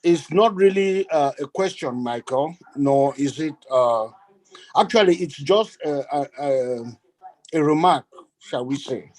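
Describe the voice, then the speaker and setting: A man's voice: a little high, lively intonation, measured pace, darkish tone, low-quality recording. A man from Cameroon speaking earnestly on a video call, often repeating his phrases for emphasis. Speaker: guest speaker. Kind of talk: online meeting remarks.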